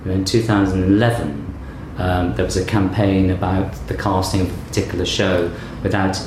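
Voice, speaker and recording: A middle-aged theatre director, interviewed in an echoey room with faint background noise, speaks in a low-pitched, steady voice at ordinary speed. His storytelling is thoughtful and reflective.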